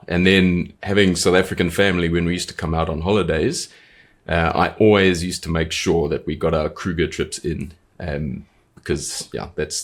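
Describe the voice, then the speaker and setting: A New Zealand man with a very deep voice co-hosts a podcast. He talks in an unhurried, easygoing way and often pauses on "um" and "yeah" while he gathers his thoughts. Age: adult, married. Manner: easygoing, hesitant, many "um" and "yeah". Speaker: podcast co-host. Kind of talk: casual podcast chat.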